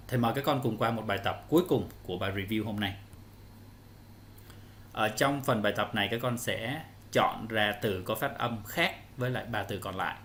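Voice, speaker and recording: A man's voice: lowish voice, a bit bright, slight background noise. A male English teacher, explaining answers step by step to children in an online lesson.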